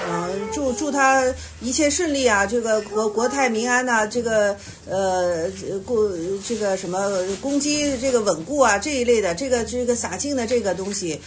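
Female meditation teacher, slightly high, patient explainer in a dharma Q&A. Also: slight background noise. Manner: patient, explanatory, many soft affirming hums. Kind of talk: Buddhist question-and-answer talk.

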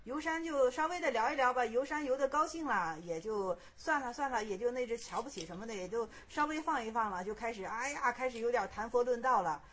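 High-voiced woman telling a Chan story. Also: a little fast, hardly any pauses, a little hiss or hum. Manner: lively storytelling with many fillers. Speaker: Buddhist teacher. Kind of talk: storytelling lesson on a Chan koan.

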